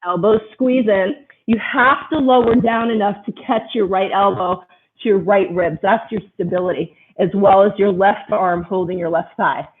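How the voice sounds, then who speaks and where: A woman yoga instructor guides a class through poses with brisk, encouraging cues on alignment and breathing. Her voice comes through thin and tinny, like audio over a phone line. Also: medium pitch. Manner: steady stream of short, encouraging body cues.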